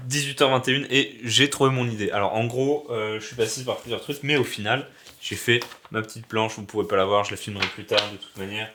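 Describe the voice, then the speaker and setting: Sharp-toned and on the low side, the same Alsatian vlogger rambles through a casual chat about building a game. Sick and coughing with a sore throat, he keeps the talk slangy and pokes fun at himself.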